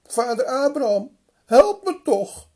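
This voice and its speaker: A tormented rich man begs from the fire in high, loud, husky cries, as a man puts him on while telling the story. The voice sits far above the teller's own and pleads without letup. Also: very animated, takes it slowly, heavily acted. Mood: begging.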